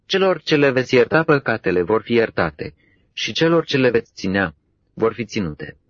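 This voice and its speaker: A man voicing a gentle, solemn teacher in a scripture reading, speaking low, soft and measured. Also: very animated, no echo, muffled recording, natural voice.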